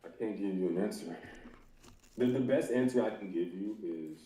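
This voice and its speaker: A podcast host with a mellow, fairly low voice chats casually about anime at normal speed, slangy and often saying "bro." The recording has a roomy echo and background noise.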